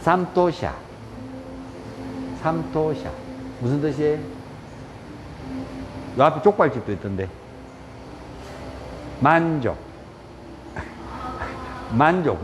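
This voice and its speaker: A man leads a live yoga class, his voice sitting a little high. He chats, teases his students and counts through each pose aloud. The sound carries a long echo from the studio, with faint room ambience behind it. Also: a little hiss or hum. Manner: chatty, teasing, counts poses aloud. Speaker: yoga instructor.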